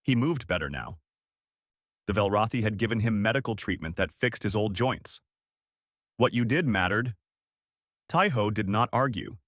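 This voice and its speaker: Male storyteller with a lively voice. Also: on the low side, moderate pace, dry recording, clean studio sound. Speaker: narrator. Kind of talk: scripted narration.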